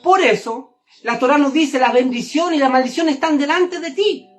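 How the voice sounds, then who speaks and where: A woman with a high-sitting voice speaks at a moderate pace, delivering a Torah and Kabbalah sermon. She addresses the listener directly in an emphatic, didactic manner, repeating phrases for stress.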